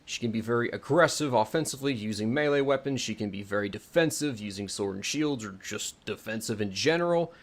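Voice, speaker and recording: With a lowish, lively voice, a mod creator rattles through an informal game tutorial a little fast, barely pausing. Unscripted and rambling, he keeps correcting himself and second-guessing as he shows off his mod.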